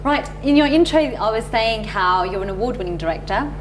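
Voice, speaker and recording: Female chart show presenter, fairly high pitch, informal interviewing, noisy recording with hum. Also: lively intonation. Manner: informal, reactive, quick to interject. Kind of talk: casual chatty TV interview. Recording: loud background noise with hum.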